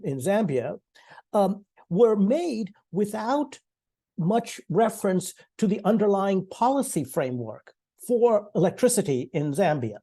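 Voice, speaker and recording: A man's voice: on the high side, mellow. A man in his sixties from Sri Lanka, speaking on an online panel in a conversational way, with frequent fillers and restarts. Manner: conversational, many restarts and fillers, laughs lightly.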